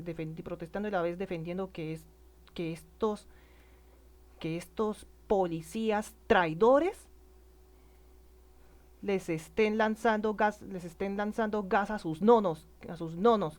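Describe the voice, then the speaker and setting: A man from Colombia with a regional Colombian accent, speaking in a personal monologue, halting and stammering with many restarts, earnest and indignant. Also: high-pitched, steady tone. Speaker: citizen speaking about protests.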